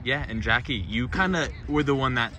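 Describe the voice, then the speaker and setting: A man's voice: medium pitch, moderate pace, crowd noise. A man interviewing players after a game on an outdoor field at night, asking long, rambling questions with many restarts. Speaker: sideline interviewer.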